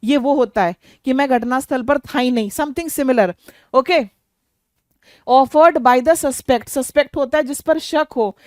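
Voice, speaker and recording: Slowly and in a darkish tone, a high-voiced woman with an Indian accent runs an exam vocabulary lesson, giving meanings and spelling words letter by letter. The recording is dry and studio-clean.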